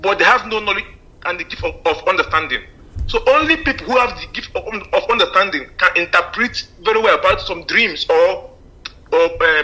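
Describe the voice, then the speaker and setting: Man calling in over a phone line, hesitant and repetitive; voice pitched high and sharply bright. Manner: halting, frequent fillers and repeated words. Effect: heard over a phone line. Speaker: radio call-in caller. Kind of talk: earnest call-in comment.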